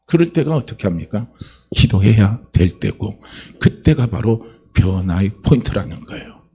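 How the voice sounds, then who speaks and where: A man preaching a sermon as pastor, asking rhetorical questions and building to passionate, high-pitched emphasis. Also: lively intonation, moderate pace, dark tone, slightly rough.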